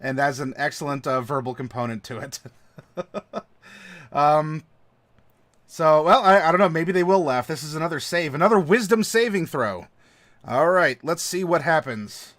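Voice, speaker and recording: A man's voice: a little high, animated, moderate pace, fairly bright tone. A man running a tabletop game as game master, narrating with frequent stammers and laughs. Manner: stammering, laughing often between lines.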